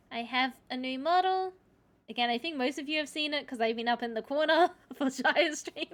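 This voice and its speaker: An Australian woman who is a livestreamer and VTuber plays a game while giving casual commentary, with music in the background. Her voice is a little high and a bit bright.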